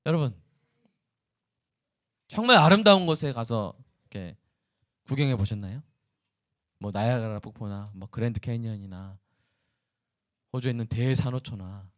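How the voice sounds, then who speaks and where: A male pastor preaching a sermon in an animated way, often asking the congregation questions. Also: mid-range voice.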